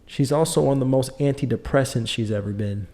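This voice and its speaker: A man's voice: mid-range voice, brisk, warm tone. A middle-aged man hosting a podcast, delivering an opinionated, lecturing monologue with emphatic repetition. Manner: emphatic, lecturing, repeats points. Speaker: podcast host.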